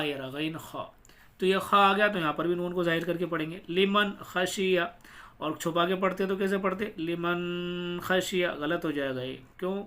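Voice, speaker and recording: A man with a high, bright voice teaches a Quran reading lesson. He explains each rule patiently, then sounds out the words syllable by syllable at a slow, deliberate pace.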